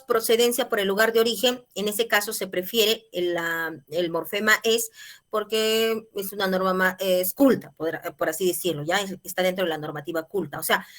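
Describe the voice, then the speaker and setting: A woman's voice: medium pitch, a bit bright. A woman teacher explaining a grammar lesson patiently, checking in with short questions.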